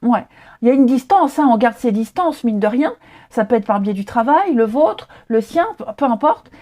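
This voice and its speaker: Woman tarot reader, high voice with a mellow tone, chatty and reassuring, lots of hesitations. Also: animated, moderate pace. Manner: chatty, reassuring, many fillers and restarts. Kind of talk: casual tarot reading to camera.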